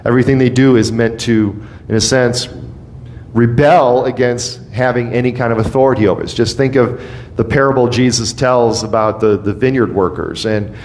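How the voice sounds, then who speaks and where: Man preaching conversationally, faint rumble. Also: moderate pace, darkish tone. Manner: conversational preaching, acts out quoted voices. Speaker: pastor. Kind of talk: sermon.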